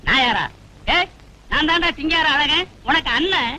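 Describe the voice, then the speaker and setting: A man's voice: very high voice, animated, moderate pace, sharp tone, slight background noise, full character voice, poor audio. An actor playing a blustering, hot-tempered elder brother in a film comedy, who scolds and threatens his younger brother. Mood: scolding. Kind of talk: Tamil film comedy dialogue.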